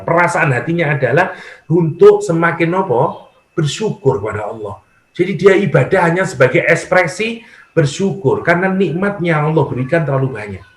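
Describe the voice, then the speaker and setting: A middle-aged man with a Javanese accent giving a lively, conversational religious lecture. He acts out the prayers of worshippers and mixes in humor. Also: fairly high pitch. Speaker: Islamic preacher. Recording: echoey room.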